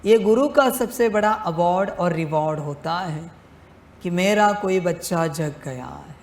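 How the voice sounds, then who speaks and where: A male spiritual teacher giving a devotional discourse, speaking deliberately and repeating phrases for emphasis, addressing listeners fatherly as his children. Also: high-pitched, a little mellow, roomy sound, a little hiss or hum.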